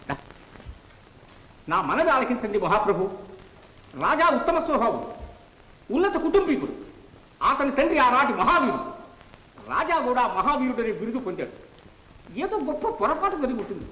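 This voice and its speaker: A man's voice: very high voice, big pitch swings, brisk, pauses often, sharp tone, heavily acted, low-quality recording. An actor playing a loyal courtier who pleads earnestly and respectfully before a king, in a 1950s film melodrama.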